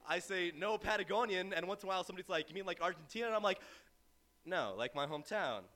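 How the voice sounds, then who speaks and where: A man's voice: high-pitched, fast talker, sharp tone. A young man from southern Arizona performing a comic slam poem on a live stage with a wry storytelling rhythm. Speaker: slam poet. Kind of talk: performance poetry.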